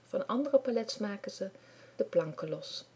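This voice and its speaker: A woman reading a children's story aloud with lively expression. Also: mid-range voice, normal speed, breathy edge.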